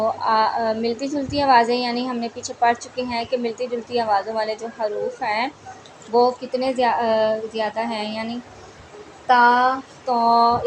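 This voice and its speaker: A woman teaching Quran reading, patiently drilling each syllable slowly and repeating the rules. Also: on the high side, slight background noise. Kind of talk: slow step-by-step recitation lesson.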